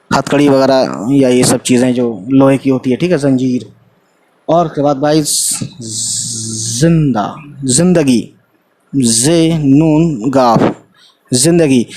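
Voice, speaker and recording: Spelling every word letter by letter, this Urdu teacher runs a relaxed online class in a somewhat high, slightly mellow voice. He keeps addressing his viewers as "guys" and slips English fillers into his speech.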